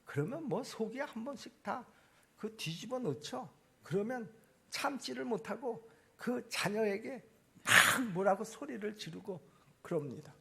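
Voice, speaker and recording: A man preaches from the pulpit of a church. His voice sits high and rises and falls with energy. The tone carries a gravelly rasp and a husky edge, and he jumps from loud emphasis to quiet, low asides. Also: animated, a little slow. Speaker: pastor. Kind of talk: sermon. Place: church sanctuary.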